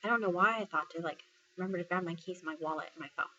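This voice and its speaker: Very fast, bright, and forceful, her lowish voice carries a personal story she's retelling in a casual vlog. She's a Texas woman in the military, speaking conversationally, full of fillers, and quoting what others said. The audio is dull, with slight background noise.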